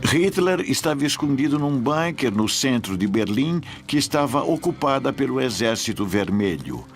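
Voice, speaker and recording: A man's voice: medium pitch, big pitch swings, normal speed. A man giving dubbed interview commentary for a documentary. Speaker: voice-over dubber of an expert interviewee. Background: faint music.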